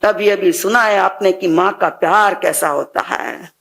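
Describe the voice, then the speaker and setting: A woman's voice: mid-range voice, unhurried, vocal fry, a bit bright. A woman Jain nun giving a devotional sermon. She tells a story and poses emphatic rhetorical questions to her listeners.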